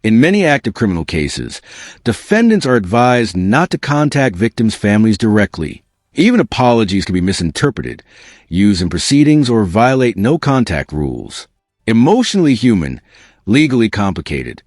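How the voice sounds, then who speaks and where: Low male commentator with lively delivery. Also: moderate pace, dry recording, clean studio sound. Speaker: legal commentator. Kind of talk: scripted dramatic commentary.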